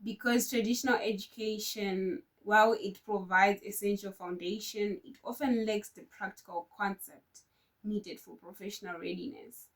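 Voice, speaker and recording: A woman's voice: medium pitch, steady tone, moderate pace, distant mic, low-quality recording. Woman giving a conference talk from afar. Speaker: conference speaker.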